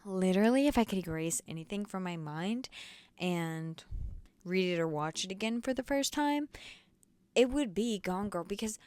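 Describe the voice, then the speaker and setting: Animated woman gushing over books. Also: moderate pace. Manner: animated and slangy, with big swings in pitch and loudness. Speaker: book reviewer. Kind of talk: casual book review vlog.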